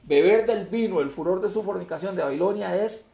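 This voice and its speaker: High gravelly preacher in an echoey hall. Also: male voice, fairly quick. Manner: emphatic, rising to loud declamation when reading scripture. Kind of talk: sermon.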